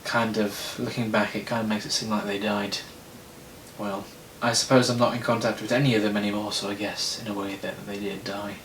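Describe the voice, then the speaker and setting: A man's voice: level tone, a little fast, fairly bright tone. A man reading his old scripts aloud in a dry, self-deprecating comedy sketch. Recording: echoey room with faint rumble.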